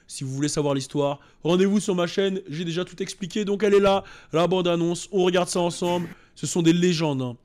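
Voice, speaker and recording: A man with a high voice rants in a loose, casual way as he reacts on stream. He swears freely, breaks into mimicked voices, and keeps the energy up throughout. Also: brisk, hardly any pauses, a little mellow. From France.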